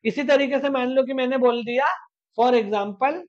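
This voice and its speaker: A teacher giving an online exam-prep grammar lecture. They ask rhetorical questions and answer them, repeat each point step by step, and slow down to stress English definitions. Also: high-pitched, fairly even intonation, dull audio.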